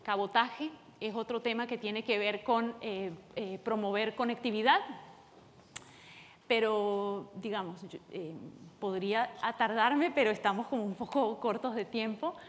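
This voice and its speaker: A woman from Venezuela speaks on a conference panel, explaining her points in a hurried way with many fillers. Her voice sits slightly high. The sound carries a long reverb from a large conference hall. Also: steady tone. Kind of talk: conference presentation.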